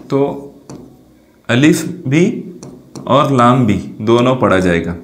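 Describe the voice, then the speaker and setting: A male teacher gives a classroom grammar lesson at a mid-range pitch. He poses questions and answers them himself, going over the key points again. The voice rings in an echoey room. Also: expressive, slow, a little hiss or hum.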